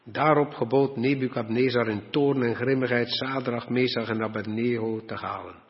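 A man preaching a sermon and reading scripture, earnest and slowing down to stress key words. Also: medium pitch, steady tone. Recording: dull sound with long hall reverb.

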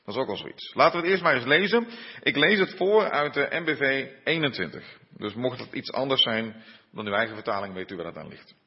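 A man preaches a sermon, pausing and hesitating as he goes, then reads a Bible passage aloud. His voice is a little husky. He sounds dull and muffled, with a long reverberant tail from the church hall. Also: medium pitch, expressive. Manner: unhurried, with frequent hesitations and fillers. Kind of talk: sermon with scripture reading.

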